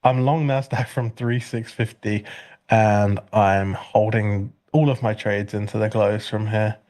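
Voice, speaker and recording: A man's voice: on the low side, fairly even intonation, measured pace, a little mellow. A congested British man hosting a live trading stream, chatting casually with dry, sarcastic humor. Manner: dry, sarcastic humor while reading chat.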